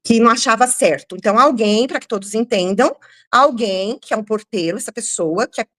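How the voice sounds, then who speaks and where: A Brazilian woman giving an emotional personal testimony, with a firm, rather loud voice and hesitant restarts. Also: a little high, brisk. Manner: hesitant restarts while recounting. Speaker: church member giving testimony.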